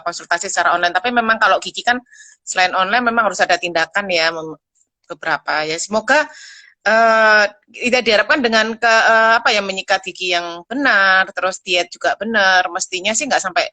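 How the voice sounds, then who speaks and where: A woman's voice: on the low side, bright, forceful tone. A woman answering as a guest dental expert on a live call, explaining in a reassuring but hesitant, informal way. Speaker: guest expert, pediatric dentist. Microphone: live video call.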